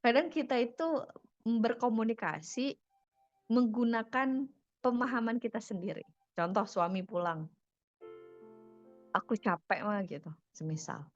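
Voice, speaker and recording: A woman speaking casually to an audience about family communication, acting out the quoted family members in an animated way. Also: fairly high pitch, moderate pace, pauses often, no room sound, lo-fi sound, faint music behind.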